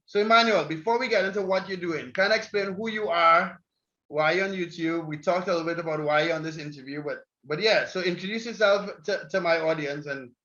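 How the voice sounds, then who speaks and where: A man's voice: sits high, brisk, pushed and bright, highs cut off. A man hosting a casual online interview, talking in a chatty, rambling way. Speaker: interview host.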